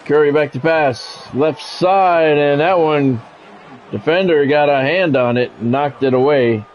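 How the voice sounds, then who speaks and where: Calling a college football video game like a radio broadcaster, this streamer lets his delivery build on the big plays and breaks off to chat with viewers. His voice is a little high and measured in pace, heard through dull audio with slight background noise.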